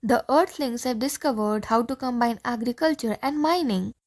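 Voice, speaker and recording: A woman's voice: a little high, normal speed, a little mellow, natural voice. A woman reading the part of a pompous, bossy male Martian leader in an audiobook play, with a commanding, easily alarmed manner.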